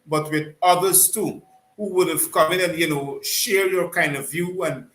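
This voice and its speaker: A man hosting a live online call-in talk show, courteous and unhurried, often trailing off and restarting. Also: fairly high pitch, fairly bright tone. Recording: roomy echo.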